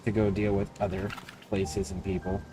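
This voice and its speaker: A man livestreaming a video game, thinking aloud and reading choices in a deliberate, explanatory way. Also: lowish voice, completely flat delivery. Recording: game music behind the voice.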